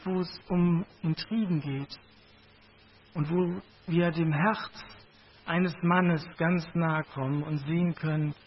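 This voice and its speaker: A man's voice: fairly high pitch, slightly rough. A man preaching a sermon with a Bible reading, in a conversational, reflective way. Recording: dull lo-fi recording.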